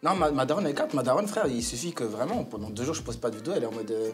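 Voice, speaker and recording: A man telling a story to friends in a casual, halting way, full of slang and fillers. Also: medium pitch, lively intonation, loud music behind the voice. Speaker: guest.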